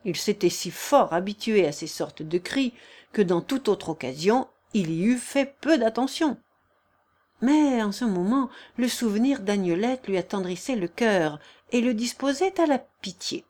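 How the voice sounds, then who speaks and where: A woman narrating a classic novel aloud in a measured, expressive storytelling voice. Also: medium pitch. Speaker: audiobook narrator.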